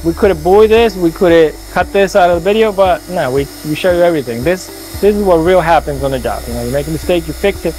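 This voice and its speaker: The owner of a roofing company walks viewers around a residential roof outdoors, cheerful and energetic, showing off his tools in an informal vlog. Recorded on a lapel mic, his voice is high-pitched and the audio is poor.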